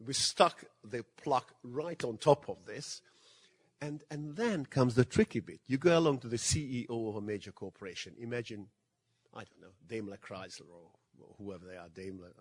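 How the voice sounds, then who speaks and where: A man's voice: medium pitch, breathy edge. An older man from Hungary giving a lecture, telling stories in a dry, self-deprecating way. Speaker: guest speaker. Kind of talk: anecdotal lecture. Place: museum lecture hall.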